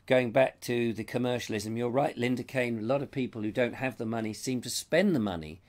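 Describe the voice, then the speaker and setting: A man in middle age from England runs a live stream, chatting loosely and reading viewer comments out loud. His voice is medium in pitch, fairly quick and a little mellow, though a cold is straining it and he's losing it. He wears a lapel mic.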